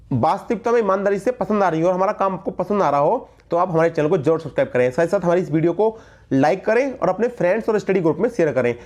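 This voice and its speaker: A man's voice: high-pitched, darkish tone. A man with a Hindi accent teaching grammar for exam prep in an emphatic way, repeating key words and calling his viewers friends.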